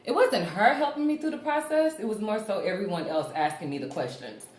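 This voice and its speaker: A woman's voice: mid-range voice, lively intonation, brisk. A woman in her twenties hosting a casual group chat, candid and laughing, swearing casually. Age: 20s. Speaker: host. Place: studio room with a table of friends. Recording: roomy echo, faint hiss.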